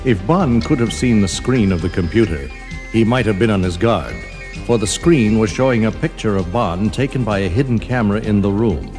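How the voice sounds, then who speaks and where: This is the narrator of a children's adventure storybook, a man whose lowish, slightly mellow voice carries lively intonation at a moderate pace. Background music runs under the scripted reading, in the style of a 1980s cassette.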